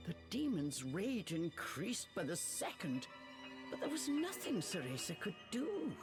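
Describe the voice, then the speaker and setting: A woman narrating a storybook game tale in a slow, measured, dramatic way. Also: medium pitch, big pitch swings. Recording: game audio with music behind. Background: music.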